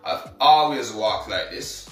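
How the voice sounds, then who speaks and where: An emphatic Jamaican man rants defiantly and keeps calling the listener brother. His voice is bright and forceful. He sounds roomy and set back from the mic. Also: lowish voice, animated, takes it slowly, distant mic, soft background music. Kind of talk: defiant social media rant.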